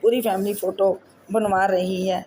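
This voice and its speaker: A woman's voice: mid-range voice, level tone, darkish tone, lightly acted. A light, teasing young fiancé from a read-aloud romance novel, voiced by a woman narrator. His ribbing comes out in a level, unvaried voice over faint noise. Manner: teasing reading.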